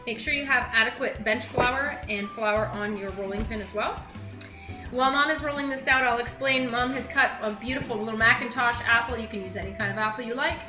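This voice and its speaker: A woman's voice: on the high side, brisk, echoey room, music in the background, rough recording. A woman in her thirties hosting a home cooking video in her kitchen, chatty and enthusiastic, praising the food as she explains each step. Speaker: cooking show host.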